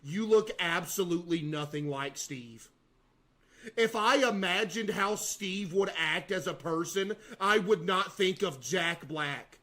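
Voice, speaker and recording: A man's voice: high-pitched, measured pace, fairly bright tone. A man streaming casual live reaction commentary, exclamatory and incredulous in manner.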